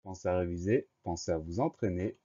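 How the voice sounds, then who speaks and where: A man teaching a spelling lesson, slowly and deliberately spelling words letter by letter for dictation. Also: low voice, warm tone. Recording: dull lo-fi recording.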